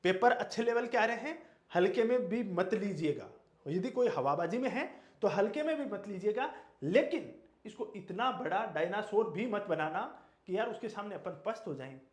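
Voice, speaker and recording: Emphatic high-voiced teacher. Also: male voice, animated, moderate pace, echoey room. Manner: emphatic, repeats key words, asks and answers own questions. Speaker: exam coaching teacher. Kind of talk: motivational exam lecture.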